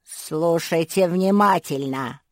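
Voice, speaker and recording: A woman voicing a strange, gruff snake-fox monster who barks slow, curt commands. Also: low-pitched, darkish tone, no echo, clean studio sound.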